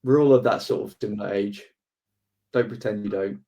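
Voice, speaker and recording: A man's voice: lowish voice, steady tone, fairly quick, gravelly, mellow, muffled recording. A man bantering casually as a podcast host.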